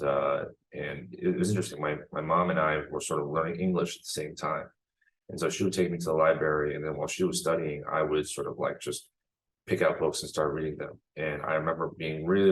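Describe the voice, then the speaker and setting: Very deep-voiced reflective man. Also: fairly bright tone, low-quality recording. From born in China, raised in the United States. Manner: reflective, many restarts and "like" fillers. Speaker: guest filmmaker. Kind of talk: casual interview answers.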